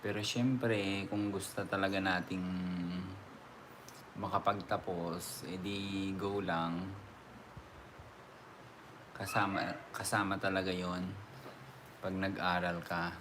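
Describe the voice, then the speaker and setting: A man's voice: low voice, flat delivery, takes it slowly, pauses often, background noise. A man with an Ilocano accent, chatting casually with viewers as a vlogger, rambling along with frequent laughs. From Ilocos region, Philippines. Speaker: vlogger host. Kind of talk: casual chat answering viewers.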